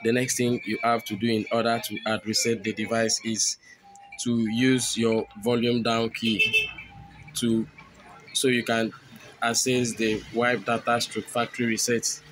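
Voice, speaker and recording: Flat-voiced man giving a phone tutorial. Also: medium pitch, measured pace, soft background music, poor audio. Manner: instructive, repetitive phrasing. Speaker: tech tutorial host. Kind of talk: step-by-step phone tutorial narration.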